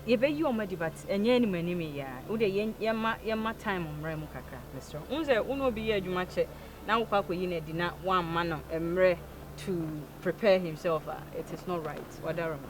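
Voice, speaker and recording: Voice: medium pitch, quick pace, close to an everyday voice. A performer with a Ghanaian accent and Twi as native language, playing a placating underling in a comedy skit, repeating words while pleading. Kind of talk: improvised comedy skit dialogue.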